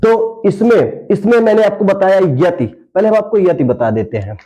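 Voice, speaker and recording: A man teaching a grammar lesson, explaining slowly with many repeated phrases and drawing out verse lines as he chants them. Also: high-pitched, mellow, highs cut off.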